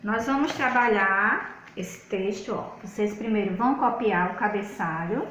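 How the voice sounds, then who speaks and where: A woman's voice: mid-range voice, fairly bright tone, echoey room, slight background noise, rough recording. A woman with a Brazilian Portuguese accent, teaching a recorded video lesson and patiently walking pupils through a worksheet. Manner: patient, slow and explanatory, with many spoken fillers. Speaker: schoolteacher.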